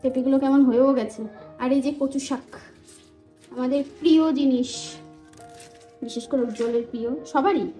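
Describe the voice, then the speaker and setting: A woman's voice: sits high, fairly even intonation, moderate pace, long pauses, mellow, echoey room, faint music behind. A woman filming at home, chatting casually and playfully coaxing a toddler in baby talk.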